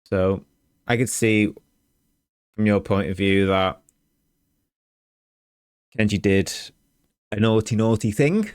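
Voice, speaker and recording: A man co-hosting a podcast, talking in a measured, reflective way. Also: on the low side, a little mellow, clean tone, no echo, studio quality. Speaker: podcast co-host. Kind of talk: casual chat about game music.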